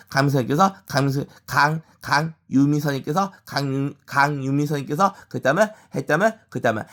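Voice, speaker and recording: A man giving a personal monologue about his family, rambling and repeating the same words and phrases again and again, with halting restarts. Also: medium pitch.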